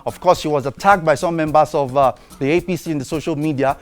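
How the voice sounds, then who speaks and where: A man's voice: fairly high pitch, fast talker, soft background music. A Nigerian man hosting a TV news show, commenting on social media and reading tweets aloud with frequent fillers. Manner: conversational, many fillers, reads quotes aloud. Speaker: TV news host.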